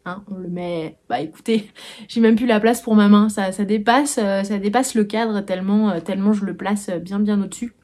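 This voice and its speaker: A young woman chats through her new books in a relaxed vlog, thinking out loud and stumbling over restarts. Her voice is mellow and warm, sitting at a middle pitch. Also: normal speed. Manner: hesitant, full of "euh" and restarts, musing aloud. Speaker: book vlogger. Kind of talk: casual chat about received books.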